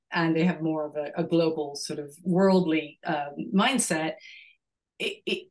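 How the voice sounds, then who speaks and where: A middle-aged woman from Venezuela speaks in a low voice. She is a guest in a podcast interview and answers thoughtfully, pausing, restarting and filling gaps as she goes. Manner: reflective, many restarts and fillers. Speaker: podcast guest, executive coach. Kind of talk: conversational interview.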